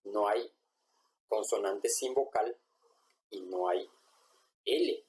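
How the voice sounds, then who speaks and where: A man, teaching a language class at a whiteboard. He is patient and says each example word slowly, more than once. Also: fairly low pitch, darkish tone, a little hiss or hum, low-quality recording.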